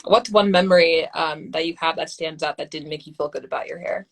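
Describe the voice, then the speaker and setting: A woman runs a live audio chat with a slightly low voice. She greets each guest and asks her questions in a friendly way. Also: a little fast, poor audio. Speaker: host and moderator.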